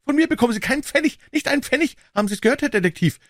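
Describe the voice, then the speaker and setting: Whiny old miser lord, way up high and shrill, snappy and pushy, dry audiobook sound. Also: male voice, lively intonation, no room sound. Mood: indignant, stingy. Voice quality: whining yet sharp, fast and insistent. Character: shrill, quarrelsome old stingy nobleman. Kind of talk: audiobook character voice.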